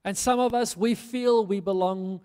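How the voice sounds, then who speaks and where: A middle-aged South African pastor speaks at normal speed in a high, mellow voice that is clear and resonant, with fairly even intonation. He preaches a sermon from a church stage in a large hall via handheld mic, earnest and rousing with emphatic repetition, amid long reverb.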